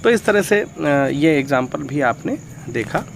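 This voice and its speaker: A male tutor explains grammar in a gravelly voice. He reads each example sentence slowly and fills his pauses with hesitant sounds. A faint hiss sits under the recording. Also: fairly high pitch, very animated. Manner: mixes Hindi and English, reads examples slowly, frequent fillers. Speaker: English teacher.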